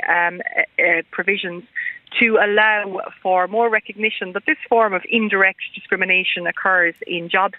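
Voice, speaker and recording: A woman with an Irish accent speaks as an expert guest on a radio programme. She explains in measured, academic phrasing. Her voice comes down a narrow, tinny telephone line with a very dry sound. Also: medium pitch, no echo. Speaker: guest expert, university lecturer. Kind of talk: radio interview, explanatory and formal.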